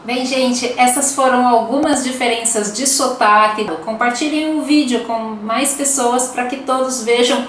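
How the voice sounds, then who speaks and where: A woman's voice: a little high, steady tone. Echoey Brazilian woman teaching accents. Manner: explains slowly, checks in with "né?" often. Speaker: Portuguese teacher. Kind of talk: explaining accents in a video lesson. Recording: very echoey room with faint noise.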